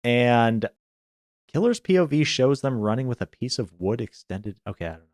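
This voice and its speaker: A man's voice: medium pitch, very animated, moderate pace, a little mellow, no room sound, studio quality. A man co-hosting a podcast, recapping a film in casual chat and laughing often as he tells the story. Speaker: podcast co-host.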